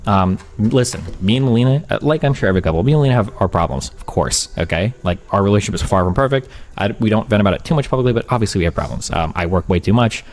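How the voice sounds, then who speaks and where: A man's voice: lowish voice, lively intonation, very fast, few pauses, a little mellow. A man in his thirties, a streamer talking casually, blunt and matter-of-fact. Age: 30s. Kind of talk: casual chat.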